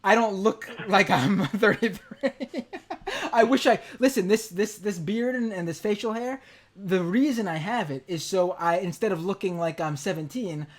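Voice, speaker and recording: A man in his thirties hosts a casual podcast interview, speaking at a normal speed in a fairly high voice. He's blunt and jokey, and he swears a bit.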